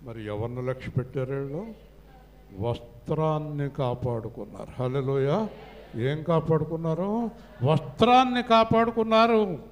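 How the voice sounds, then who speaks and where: A middle-aged pastor preaching a sermon, swinging from quiet storytelling to loud, impassioned passages. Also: male voice, mid-range voice, expressive, normal speed.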